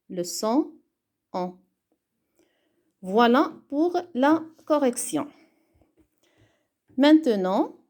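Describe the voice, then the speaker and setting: A woman teaching a reading lesson online, deliberate and spelling things out step by step. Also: medium pitch, a little mellow. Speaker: primary school teacher.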